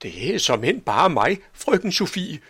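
Man doing a kindly, proud old gentleman. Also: on the high side, big pitch swings, husky, no room sound, pitched above the performer's own voice, exaggerated voice. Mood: polite. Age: older. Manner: polite, gentle, a bit pompous. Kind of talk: storybook reading.

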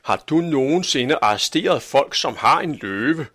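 A man's voice: mid-range voice, animated, no room sound, studio quality, voice pushed up. A man doing a placid, kindly police chief. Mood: reasoning. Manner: unhurried, gently reasoning, mildly sad. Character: calm, easygoing, good-natured male police chief. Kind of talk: storybook reading.

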